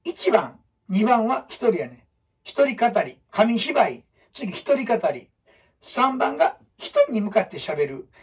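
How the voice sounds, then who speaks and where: A man with a Kansai accent, lecturing students on storytelling in an emphatic way, jumping between loud bursts and low asides. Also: very animated, takes it slowly, husky, far from the mic. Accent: Kansai (Osaka). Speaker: storytelling teacher.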